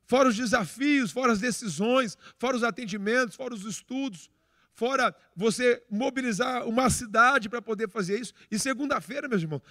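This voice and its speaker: A man's voice: extremely high pitch, dry recording, clean studio sound. A middle-aged Brazilian man preaching a sermon, telling stories animatedly and acting out the dialogue. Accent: Brazilian Portuguese. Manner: animated storyteller, acts out dialogue, frequent restarts. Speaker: pastor. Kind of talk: sermon with personal storytelling.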